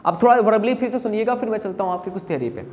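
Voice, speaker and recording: A man's voice: high voice, very fast, a little mellow, dull audio. Male teacher lecturing in an echoey classroom. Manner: quizzes students and drills pronunciation. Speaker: spoken-English and interview-skills teacher. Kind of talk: classroom lecture mixing Hindi and English. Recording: echoey classroom, faint hum.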